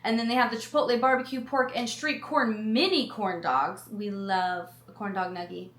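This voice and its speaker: A woman's voice: medium pitch, fairly even intonation, moderate pace, a bit bright, echoey room. A woman food vlogger reading menu items aloud and adding chatty personal asides. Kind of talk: casual chat reading a menu.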